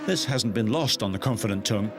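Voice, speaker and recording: A man's voice: fairly low pitch, brisk, background noise. Male motorsport voice-over narrator. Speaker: news presenter.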